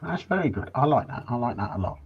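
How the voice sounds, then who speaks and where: A husky man with a lively, moving pitch chats casually as a co-host. He chips in with short, agreeable reactions, and the audio is a little muffled. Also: fast talker. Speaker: co-host of a hobby live show. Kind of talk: casual chat.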